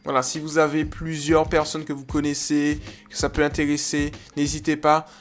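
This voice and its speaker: A man's voice: on the high side, monotone, moderate pace, faint music behind. A man hosting a dog-training podcast in a chatty, enthusiastic monologue full of fillers.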